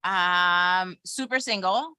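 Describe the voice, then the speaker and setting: Woman in her 30s, stand-up comic guest, candid and self-mocking, bright lower voice, dry close sound. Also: takes it slowly, clear, resonant tone, dry recording. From Brooklyn and Miami, USA. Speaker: podcast guest, stand-up comedian. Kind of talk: casual chat.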